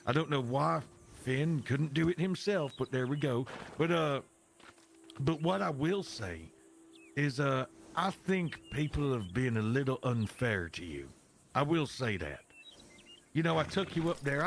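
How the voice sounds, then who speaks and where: A man's voice: medium pitch, big pitch swings, measured pace, creaky, a bit bright, a little hiss or hum, full character voice. A man voicing a folksy, foul-mouthed cowboy peacemaker who rambles and repeats himself in an improvised western role-play. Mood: friendly, earnest.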